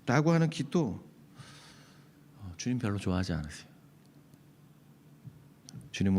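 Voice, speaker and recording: A middle-aged man preaching a Sunday sermon as a pastor. He talks directly and conversationally to the congregation, dropping to near-whispers and then rising to emphatic peaks. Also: medium pitch. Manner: swings between hushed, near-whispered asides and raised, emphatic peaks.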